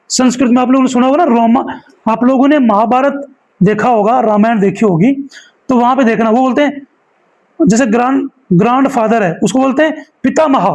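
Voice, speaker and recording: A man's voice: very high voice, a little mellow, poor audio. A male teacher explaining a school lesson step by step, often checking in with his students.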